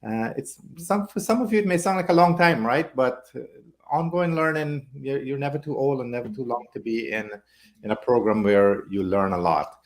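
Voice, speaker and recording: A man's voice: medium pitch, normal speed. A man from Guyana, a guest in an interview, telling his story in a friendly, expansive way with rhetorical asides. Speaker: guest, public speaking leader.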